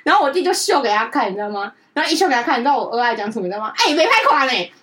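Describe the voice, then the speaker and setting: Woman host, quick and higher-pitched, lively storyteller who does the voices of relatives. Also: far from the mic, noisy background. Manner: animated, acts out family members' lines with big pitch jumps. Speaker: podcast co-host. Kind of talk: casual storytelling chat.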